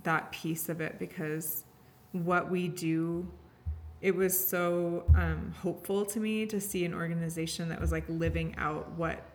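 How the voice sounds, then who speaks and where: A woman's voice: fairly low pitch, fairly even intonation, measured pace, darkish tone. A woman speaking earnestly and openly in a conversational interview, often restarting her sentences and filling them with "like". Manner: earnest, heartfelt, heavy use of "like" and restarts. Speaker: podcast guest sharing her story.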